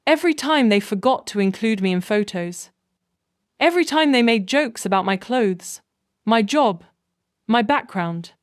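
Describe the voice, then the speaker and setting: A woman reading a scripted first-person story in a measured, even way. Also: fairly high pitch, no room sound, clean studio sound.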